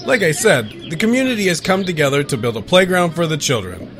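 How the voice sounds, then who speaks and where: In a post-apocalyptic comedy audio drama, an actor plays a weary, exasperated radio host who announces with theatrical flair. His male voice is fairly high, swings widely in pitch, and moves fast, with background noise present.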